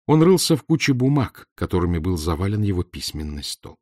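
A man narrating an audiobook in a measured, steady reading. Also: low-pitched, no echo, clean studio sound.

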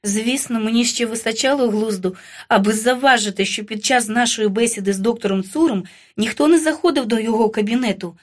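Female narrator, fairly high voice, tense and ironic audiobook reading. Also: a little fast. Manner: dramatic, tense, ironic storytelling. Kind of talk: first-person novel narration.

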